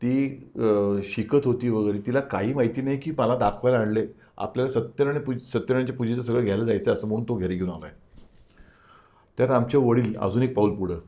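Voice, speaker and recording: A man's voice: mid-range voice, a little fast, warm tone. An older man, an interview guest, telling a personal story and acting out the dialogue of the people in it.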